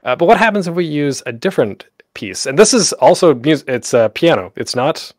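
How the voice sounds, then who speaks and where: A man with a slightly high, sing-song voice talks fairly quickly while hosting an online panel on audio drama production. His delivery is informal, rambling, and self-interrupting, and the close, dry home recording is studio quality with no room sound.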